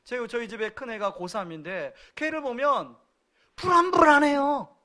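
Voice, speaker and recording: A male pastor in his forties delivers a sermon in a high voice. He talks in a relaxed, conversational way, sharing stories from home. Now and then he stops to put questions directly to the congregation. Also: moderate pace.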